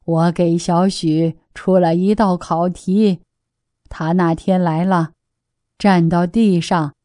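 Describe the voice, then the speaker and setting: A woman reading as a calm elderly Buddhist laywoman. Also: fairly low pitch, no room sound, clean studio sound. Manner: slow, plain, homely retelling. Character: elderly female lay Buddhist, calm, facing death.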